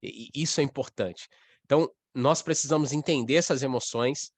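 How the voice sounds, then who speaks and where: A man's voice: medium pitch, a little fast, dry recording. Brazilian man teaching an online coaching class. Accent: Brazilian Portuguese. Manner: conversational, acts out parent and child lines. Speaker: coaching course instructor. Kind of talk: online class mentoring session.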